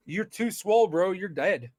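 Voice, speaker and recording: This podcast co-host has a high-pitched but darkish voice, captured in a dry recording. He reads aloud and adds casual commentary, stumbling over words and repeating himself along the way.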